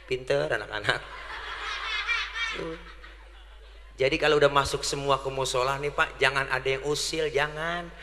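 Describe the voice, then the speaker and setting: A man's voice: medium pitch, moderate pace, long pauses, pushed and bright. A man delivering a comic sermon, joking playfully and putting on regional voices for laughs. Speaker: preacher. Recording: long hall reverb, faint background noise.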